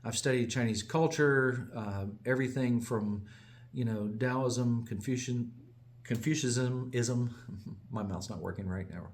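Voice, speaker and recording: Slight background noise accompanies this American man's mid-range voice, which moves a little slowly. As a small business owner, he rambles through a casual, digressive update, frequently correcting himself and chuckling.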